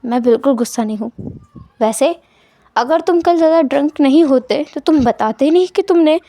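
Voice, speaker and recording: A woman's voice: high voice, expressive, normal speed, mellow, no room sound. A woman voicing a middle-aged mother who scolds and teases her son. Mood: scolding. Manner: teasing, scolding.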